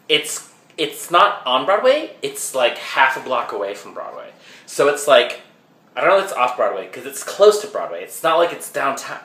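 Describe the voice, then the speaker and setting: Man acting out a flamboyant Broadway fan, comedic monologue, rambling and sidetracked, slow drawl, roomy echo. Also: a little high, a bit bright. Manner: rambling, sidetracked, filler-heavy with "like".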